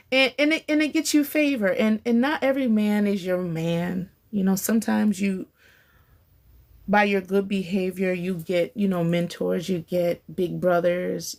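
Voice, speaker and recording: A woman in her forties talking casually and warmly encouraging others on a faith-based podcast, often laughing between thoughts. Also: lowish voice, vocal fry. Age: 40s. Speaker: podcast speaker.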